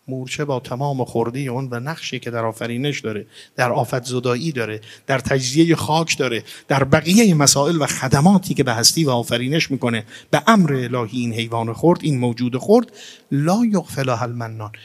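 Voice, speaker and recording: A man giving a religious lecture. He explains word origins, asks and answers his own questions, and recites Arabic phrases slowly and with stress. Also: mid-range voice. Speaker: preacher. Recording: reverberant hall.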